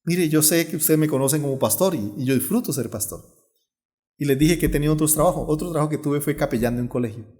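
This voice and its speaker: A middle-aged pastor delivers a sermon, acting out little scenes as he teaches. His voice sits fairly high for a man, and he shifts freely between calm teaching and animated storytelling. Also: quick pace. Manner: animated storyteller, acts out dialogue.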